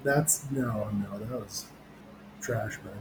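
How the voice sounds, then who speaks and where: A man's voice: lowish voice, takes it slowly. A man co-hosting a podcast, crude, joking and laid-back in casual banter. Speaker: podcast co-host. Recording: noticeable background noise.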